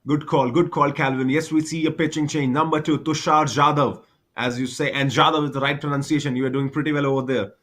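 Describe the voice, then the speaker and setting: A man's voice: mid-range voice, steady tone, fast, few pauses, a bit bright. A man doing live baseball commentary, chatty and repetitive, explaining the game for cricket fans.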